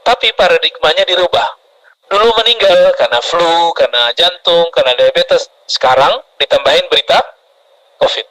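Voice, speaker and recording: Lively high-voiced male preacher. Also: moderate pace, low-quality recording. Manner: lively, asks the audience questions. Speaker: Islamic preacher. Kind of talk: sermon to a mosque congregation.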